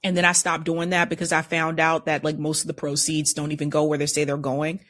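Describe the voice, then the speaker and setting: Woman w a slightly low voice, chatting casually, matter of fact, explaining stuff. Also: completely flat delivery, a little fast, fairly bright tone. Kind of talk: casual discussion.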